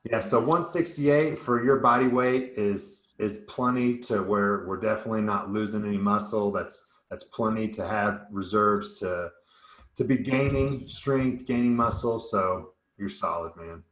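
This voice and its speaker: A man's voice: on the low side, a little slow, fairly bright tone, reverberant. A man coaching a group on nutrition in a casual, upbeat way, rambling a little and often restarting words.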